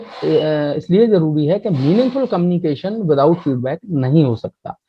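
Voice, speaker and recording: A man teaching a commerce lecture in Hindi, explaining step by step and reading English definitions slowly. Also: fairly high pitch. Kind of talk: classroom lecture. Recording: muffled lo-fi mic.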